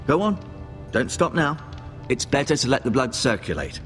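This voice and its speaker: An actor playing a solemn older male maester and healer in a video game, speaking in a measured, advising way. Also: medium pitch, big pitch swings, a bit bright. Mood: probing. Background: game music.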